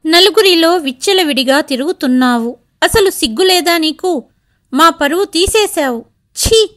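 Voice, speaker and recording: A woman's voice: extremely high pitch, expressive, a little slow, heavily acted. A woman voicing a hot-tempered grown son. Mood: angry. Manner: angry, sharp outbursts.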